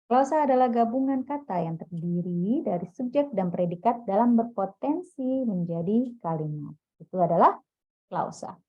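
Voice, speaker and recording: Woman, teacher, classroom lecture, quizzes listeners, middle pitch, dull lo-fi sound. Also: animated, normal speed. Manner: explains step by step, quizzing listeners.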